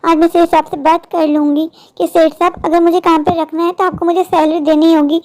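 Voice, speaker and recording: A woman's voice: extremely high pitch, little pitch movement, fairly quick, darkish tone. A woman voicing a poor young woman in a cartoon, a worried older sister who pleads in a worn-down, sorrowful way. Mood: pleading. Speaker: cartoon character. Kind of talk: Hindi cartoon voice acting.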